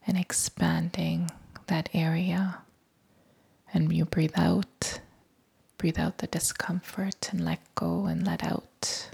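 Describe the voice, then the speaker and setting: Female meditation guide, whispered delivery, very slow pacing, breathy and gravelly texture. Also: lowish voice. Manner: soft whispering throughout, calm and unhurried.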